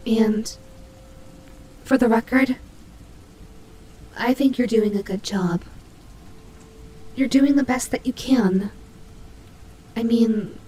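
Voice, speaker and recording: A woman voicing a tsundere nightmare animatronic rabbit, gruff but protective, in an intimate, hesitant roleplay audio drama style. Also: a little high, a little hiss or hum, rough recording. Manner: hesitant, halting, flustered tsundere softness.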